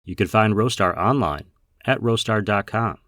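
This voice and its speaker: A man's voice: fairly low pitch, moderate pace, fairly bright tone, dry recording, studio quality. A man hosting a coffee podcast, reading a scripted, upbeat introduction and sponsor message. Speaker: podcast host.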